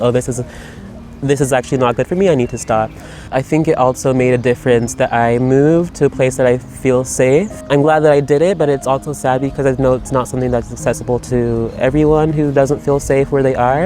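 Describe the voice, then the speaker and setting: In Berlin, a writer records a personal video monologue, reflecting loosely and circling his thoughts with many fillers and restarts. His voice is of ordinary pitch and a little mellow, with faint music underneath.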